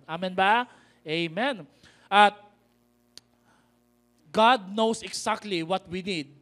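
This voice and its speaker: A Filipino-accented pastor with a notably high voice delivers a lively sermon, calling out to his congregation. He slows down and stresses each word when he reads scripture aloud. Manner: preaches in mixed Tagalog and English, calling out to the congregation; reads scripture slowly and emphatically.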